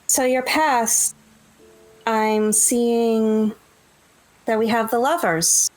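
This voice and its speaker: A woman voicing a calm, theatrical elven fortune-teller in a tabletop game, speaking in a slow, reassuring way. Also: on the high side, soft background music, rough recording. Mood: soothing.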